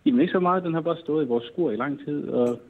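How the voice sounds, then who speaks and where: Hesitant man on a tinny phone line. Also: fairly high pitch. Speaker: caller. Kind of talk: casual phone chat.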